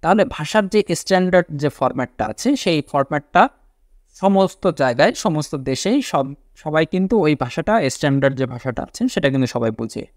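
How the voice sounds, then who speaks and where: A man delivers a patient classroom lecture, his voice a touch higher than most men's. He repeats key words, poses questions and answers them himself, and checks often that his listeners follow. The recording is dry, with no room sound. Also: lively intonation, fairly quick, no room sound. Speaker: teacher.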